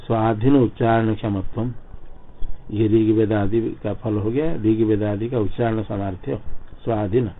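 A man teaching scripture as a lecture. He recites each verse slowly and then explains it word by word. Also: fairly low pitch, steady tone. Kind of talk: line-by-line scripture commentary lecture. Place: ashram classroom. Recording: phone-like lo-fi recording with faint noise.

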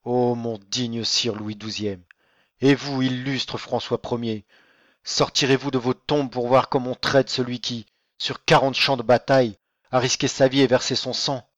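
Rôle : un homme jouant un vieux noble déchu, père accablé, déclamatoire ; prise sèche, un peu étouffée. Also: male voice, fairly low pitch, steady tone, unhurried, a bit bright, no room sound, dull audio, voice pushed down. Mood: despairing. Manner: declamatory, grieving. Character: old ruined nobleman, proud, despairing father. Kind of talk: audiobook reading.

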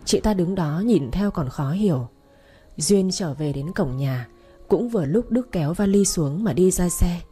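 A woman reading a story aloud in steady scripted narration, with faint music behind. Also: on the low side, a little slow, husky. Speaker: audiobook narrator.

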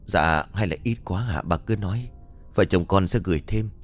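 A man's voice: low-pitched, moderate pace, faint music behind. A man voicing a humble, grateful young husband who talks deferentially and eagerly.

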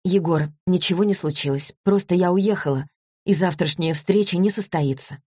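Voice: medium pitch, moderate pace, a little mellow, breathy edge, no echo, studio quality, natural voice. A reader voicing a grown woman who answers curtly and keeps her plans secret in an audiobook. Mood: guarded. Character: grown woman, guarded and tense.

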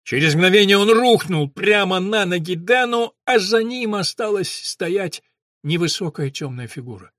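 A man's voice: high voice, animated, moderate pace, a bit bright, no room sound. Dry-voiced male audiobook narrator. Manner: dramatic, tense storytelling.

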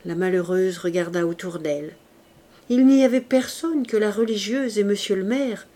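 Woman reading an old classic novel aloud, steady dramatic audiobook narration, mid pitch. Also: normal speed.

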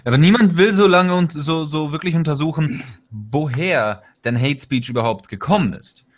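A man's voice: on the high side, moderate pace. A man co-hosting a casual political chat show, talking sarcastically with many fillers. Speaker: podcast co-host.

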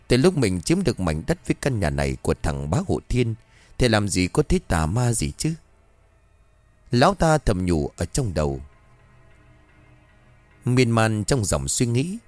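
A man's voice: fairly low pitch, very animated, measured pace, pauses often, darkish tone, dry recording, faint music behind. A man narrating a horror folk tale with suspenseful, dramatic storytelling.

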